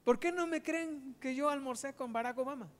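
A man's voice: very high voice, moderate pace. A man preaching in a conversational way, asking the audience rhetorical questions.

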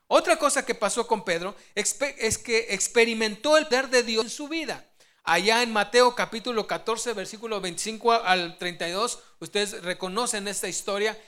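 A preacher delivering a sermon to the congregation with a bright, sharp tone. The story comes out animated, with quoted lines acted out in sudden vivid jumps. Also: medium pitch.

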